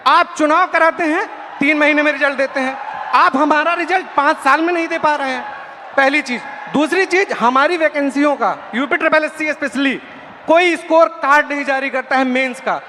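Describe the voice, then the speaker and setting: Young man, very high pitch, emphatic raised voice, earnest respectful testimony, reverberant hall. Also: moderate pace, bright, forceful tone. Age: young adult. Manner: emphatic, raised voice, deferential address. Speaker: student job aspirant. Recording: noisy hall with long echo.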